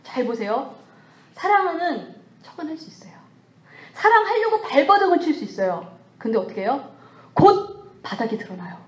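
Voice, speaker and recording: Woman church lecturer, fairly high voice, animated, acts out little bits of self-talk; echoey hall sound. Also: moderate pace, pauses often. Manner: lively, acts out scolding and comforting self-talk.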